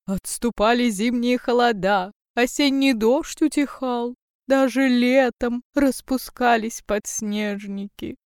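A wise old owl from a storybook, telling a tale in a high, drawn-out, wondering voice, as a woman puts him on. The tone is smooth and clear, and the pace unhurried. The sound is close and dry. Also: dry recording. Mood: wistful. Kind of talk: storybook reading.

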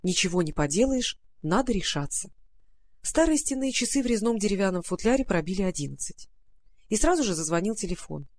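A woman narrating a children's storybook in a calm, measured reading voice. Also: medium pitch. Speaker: audiobook narrator.

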